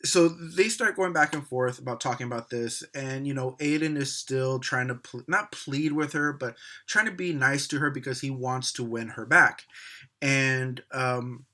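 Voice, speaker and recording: A man's voice: mid-range voice, moderate pace, bright, forceful tone. A man hosting a casual recap show, chatty and gossipy, with exasperated asides and mock voices when he quotes characters. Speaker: soap opera recap host.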